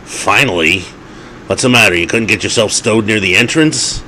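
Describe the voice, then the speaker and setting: A man's voice: fairly low pitch, moderate pace, bright, forceful tone, slight background noise. A man voicing a theatrical old male vampire who is mocking toward enemies and fatherly toward friends.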